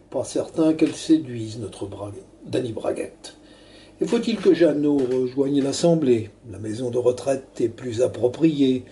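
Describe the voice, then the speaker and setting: A man's voice: medium pitch, dark tone. A man declaiming a satirical verse monologue like a hammy stage actor, grandiloquent and pompous. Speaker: performer reciting a comic verse tirade.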